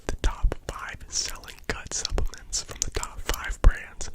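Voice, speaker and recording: Breathy unvoiced ASMR whisper. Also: a little slow. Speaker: ASMR video creator reading sponsor messages. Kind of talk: whispered ASMR sponsor reads.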